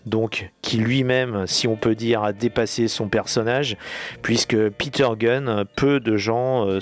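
A man from France hosting a music radio show, talking informally and correcting himself as he goes. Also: on the low side. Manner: chatty, informal, self-correcting.

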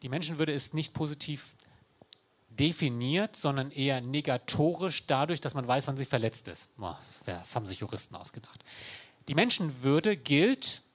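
A man's voice: mid-range voice, expressive, moderate pace. A man giving an explanatory talk to an audience in a conversational, wry way, with dry sarcastic asides. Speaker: speaker explaining law to an audience.

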